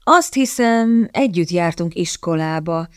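A woman voicing a dreamy, easily distracted young sister in a storybook reading, speaking slowly and airily. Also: a little high, big pitch swings, a little mellow, no room sound, studio quality, pitched above the performer's own voice. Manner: dreamy, slow, airy.

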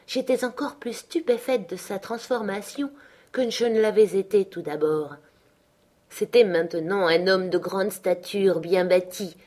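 Woman narrator for a classic novel audiobook, measured and even. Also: mid-range voice.

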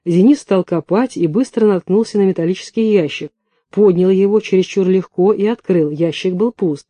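A man narrating an audiobook in a lively storytelling manner. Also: high voice, moderate pace, no echo. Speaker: audiobook reader.

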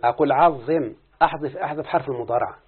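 The recording sounds tinny and phone-like as an Egyptian-accented man delivers rapid-fire speech in a mid-range, slightly rough voice. A student reciting a grammar lesson, he handles Arabic morphology questions step by step while repeatedly checking with his teacher.

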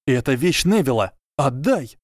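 A man voicing a loyal, hot-headed schoolboy wizard who shouts indignantly, in a fan-fiction audiobook. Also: mid-range voice, very animated, a little fast, dry recording, studio quality, natural voice.

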